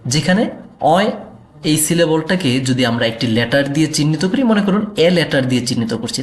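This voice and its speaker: A man's voice: on the high side, a little hiss or hum. Methodical man teaching in an echoey room. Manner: methodical, repeats steps, frequent fillers and self-corrections. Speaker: exam prep teacher. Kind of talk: explanatory lecture.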